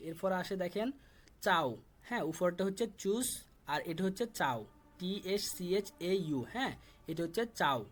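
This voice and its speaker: A young man from Bangladesh leads a live online class over a call microphone. His voice sits a bit high, and he patiently repeats each word slowly for pronunciation. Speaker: German language teacher.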